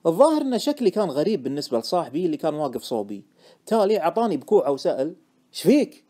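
A male audiobook narrator tells the story in the first person. His delivery is quick and animated, rising and falling freely, with a dark, mellow timbre. It is scripted, expressive narration. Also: a little high.

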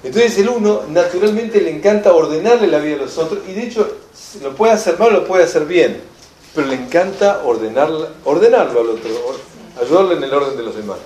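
A man with a Rioplatense Spanish accent teaching a seminar, telling lively anecdotes and acting out the people in them. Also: a little high, a little fast, echoey room. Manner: animated storyteller, acts out shouted quotes. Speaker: enneagram teacher.

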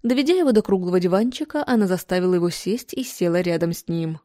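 Calm woman narrating an audiobook. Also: lowish voice, fast, no echo, studio quality. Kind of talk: audiobook reading of a novel.

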